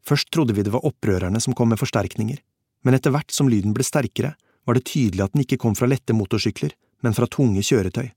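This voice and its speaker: A man narrating a first-person audiobook in a steady, measured reading. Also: medium pitch, breathy edge, dry recording, clean studio sound.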